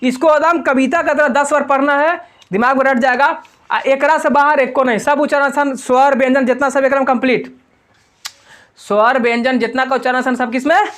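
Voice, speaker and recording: High-voiced teacher drilling a class. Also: male voice, steady tone, moderate pace, a bit bright. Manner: drills students with call-and-response questions. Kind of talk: classroom grammar lesson.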